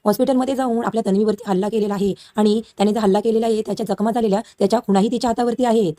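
Earnest pleading young man, read by a woman narrator, fast and dark-toned. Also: medium pitch, steady tone, natural voice. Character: young man defending his wife.

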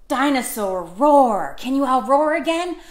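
Sitting indoors with books on her lap and a camera in front of her, a woman with a high-pitched voice reads picture books aloud for a children's storytime. She encourages the kids to join in, and the sound is reverberant.

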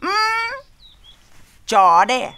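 A man's voice: high-pitched, very slow, bright, forceful tone, heavily acted. An actor playing a vain, frightened young husband who tells his woes dramatically in a comedy film. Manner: dramatic, exaggerated storytelling. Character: vain, scared young village husband, grumbling. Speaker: henpecked husband. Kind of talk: Tet comedy film acting.

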